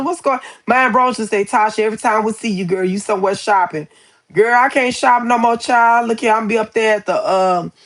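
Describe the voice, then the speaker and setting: A chatty woman in her forties hosts a casual live stream. She answers viewer comments as she reads them and keeps calling everyone y'all and baby. Her talk is loose and friendly. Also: medium pitch.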